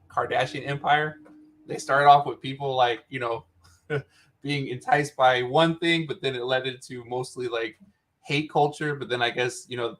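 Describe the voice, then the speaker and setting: A man co-hosting a casual reaction chat over a video call, easygoing, with lots of fillers and quick laughs. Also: medium pitch, fairly bright tone. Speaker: co-host.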